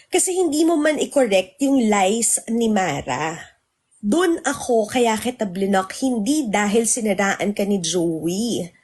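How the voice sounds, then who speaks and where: A woman's voice: fairly high pitch, a little mellow, slightly rough. A woman on a livestream, ranting indignantly and very emotionally, switching between Tagalog and English. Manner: self-described very emotional.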